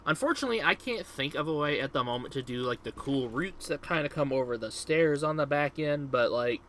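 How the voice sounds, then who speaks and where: A man's voice: on the high side, animated, fairly quick, fairly bright tone, slight background noise. A young man, casually commentating on his own gameplay in a rambling, upbeat way, full of fillers. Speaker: gaming video host.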